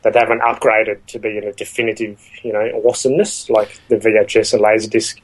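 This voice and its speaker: A man chatting casually as a podcast co-host, speaking in a hesitant, halting way with many fillers. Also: on the low side, flat delivery, poor audio. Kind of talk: casual chat about films.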